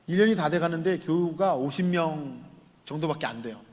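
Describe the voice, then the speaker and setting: A male guest pastor preaching at a revival, telling a story with animated quoted voices. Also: fairly high pitch, brisk. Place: large church sanctuary. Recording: long church hall reverb.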